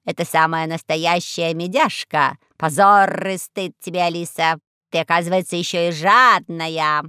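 A sly old crow, put on by a woman reading an audiobook, who drawls her words slowly and wheedles. She is greedy and self-pitying. The recording is dry and close, with no room sound. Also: on the low side, steady tone, sharp tone, clear, resonant tone, no room sound. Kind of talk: audiobook character voice.

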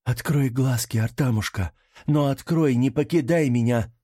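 A man's voice: mid-range voice, normal speed, warm tone, dry recording, studio quality, lightly acted. A man voicing an anxious young woman who pleads with her beloved, in a raised, strained voice, in an audiobook reading. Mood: pleading.

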